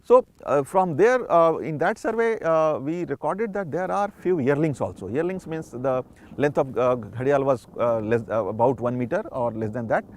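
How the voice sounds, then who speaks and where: A man with an Indian accent speaking haltingly as a conservationist in a documentary interview. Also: mid-range voice, expressive. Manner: halting, hesitant delivery.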